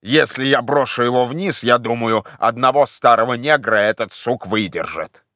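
A man voicing a timid, simple old male servant in an audiobook, calling down slowly and plaintively. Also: medium pitch, fairly bright tone, no echo, clean studio sound, natural voice. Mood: grumbling. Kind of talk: audiobook character voice.

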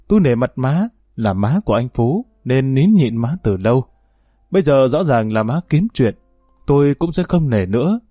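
A man voicing a sharp-tongued young widowed woman who speaks bluntly and indignantly. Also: medium pitch, no echo, studio quality.

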